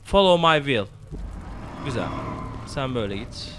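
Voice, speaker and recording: A young man commentating a game he plays, swearing freely and shouting spell words into his mic. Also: medium pitch, very animated, measured pace, slight background noise. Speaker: gameplay commentator. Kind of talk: let's play commentary.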